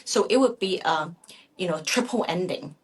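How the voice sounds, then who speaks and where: A middle-aged real estate agent appears as a guest, answering interview questions conversationally but haltingly, correcting herself as she goes. A native Chinese speaker raised in Vancouver, Canada, she has a fairly low, expressive, husky voice.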